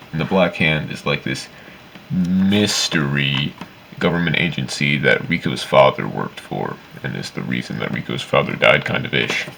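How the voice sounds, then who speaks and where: A man's voice: rumbling low, gravelly, background noise. A man giving casual, opinionated game commentary in a rambling, sweary, complaining way. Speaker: video game reviewer.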